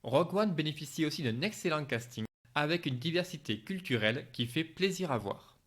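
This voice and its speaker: A man's voice: on the high side, animated, brisk, a bit bright, breathy edge. A man reading a scripted film review as a voice-over narration.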